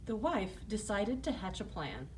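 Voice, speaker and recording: A woman narrates as if opening a fairy tale for children. Her pitch moves in lively swings through the scripted story. She sounds slightly away from the mic, with faint noise. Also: unhurried, recorded from a distance.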